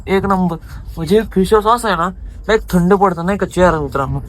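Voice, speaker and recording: A man's voice: high voice, fairly quick, fairly bright tone, slight background noise. A young man casually vlogging around his rural farm, chatting to his viewers as friends on a handheld phone. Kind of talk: casual vlog chat. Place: rural farmyard and fields, outdoors.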